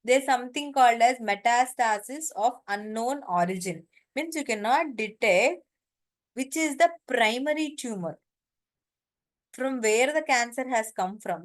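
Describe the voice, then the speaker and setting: A woman with an Indian accent giving an informal lecture, explaining step by step and often checking that students follow. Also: a little high.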